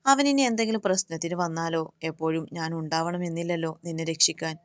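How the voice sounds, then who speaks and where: A worried young woman, voiced by a woman reading a story, pleading with her friend. Low voice, close and dry. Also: brisk, no room sound, close to an everyday voice.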